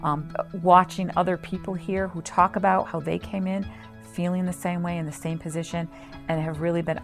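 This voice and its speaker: Music plays under this promotional interview, where a woman on staff at a community health organization earnestly lays out its services. Her voice is lowish and creaky.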